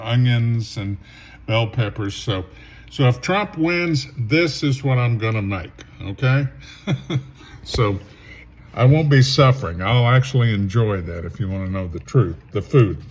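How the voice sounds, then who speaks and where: Man, casual cooking-vlog host, slow and opinionated. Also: mid-range voice, slight background noise. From southern Louisiana. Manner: rambling, opinionated asides. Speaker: home cooking show host.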